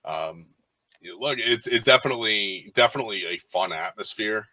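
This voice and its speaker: A man with a lowish voice talks at a normal speed, his tone bright and forceful, in a rough recording with no room sound. He's a podcast co-host chatting casually about baseball, rambling along with plenty of fillers and restarts.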